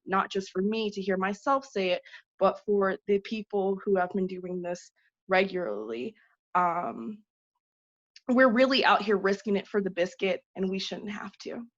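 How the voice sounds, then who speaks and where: Woman on a dull lo-fi video call, earnest and urgent, lots of ums, mid pitch. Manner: earnest, urgent, many 'um' fillers. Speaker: awardee speaking at a virtual ceremony. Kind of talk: impassioned personal speech.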